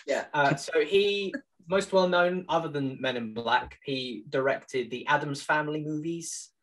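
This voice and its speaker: Enthusiastic young man pitching a film. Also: unhurried, a bit bright, low-quality recording. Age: 20s. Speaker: podcast co-host. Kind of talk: casual film-review chat.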